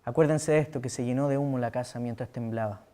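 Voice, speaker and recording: A young Chilean man preaching a youth sermon, animated, acting out quotes with loud outbursts and quiet asides. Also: medium pitch, fast talker.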